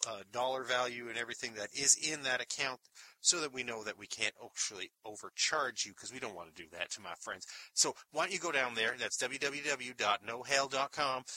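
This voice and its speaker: Male caller, bright pushy sales voice, dry close sound. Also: mid-range voice, dry recording, low-quality recording. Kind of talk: comedy radio sketch.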